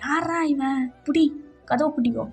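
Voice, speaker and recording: A woman's voice: high voice, a little slow, vocal fry, soft background music. A woman voicing a brash young male friend in a fan fiction audio story, talking in a brusque, teasing way.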